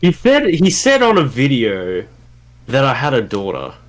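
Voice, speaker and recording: A man's voice: mid-range voice, wildly swooping pitch, a little slow, faint music behind. A man in his twenties chatting casually while streaming a game, swearing often and restarting sentences. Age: 20s. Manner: swears a lot, rambling restarts. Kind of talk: casual chat while playing.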